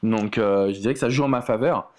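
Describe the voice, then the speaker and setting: A man's voice: fairly low pitch, brisk, darkish tone. A man from France, a relationship coach, talking casually as a podcast guest, with many fillers and restarts. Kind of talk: casual podcast interview talk.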